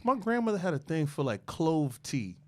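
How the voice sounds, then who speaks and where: A man's voice: a little high, sing-song, moderate pace. A man co-hosting a podcast with laid-back, slangy, playful banter. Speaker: podcast co-host. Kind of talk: casual podcast chat.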